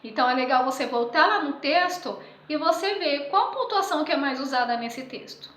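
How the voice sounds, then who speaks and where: A woman teaching a remote school lesson, patiently checking in with her pupils and reading example sentences aloud with lively expression. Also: high voice, a little fast, reverberant, rough recording. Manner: patient, checks in often with "tudo bem?". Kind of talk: remote school lesson going through exercises.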